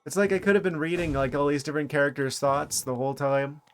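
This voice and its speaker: A man's voice: a little high, steady tone, quick pace, slight background noise. A man streaming a video game, thinking aloud in a casual, dryly humorous way. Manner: musing aloud, dry self-aware humor. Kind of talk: casual gameplay commentary.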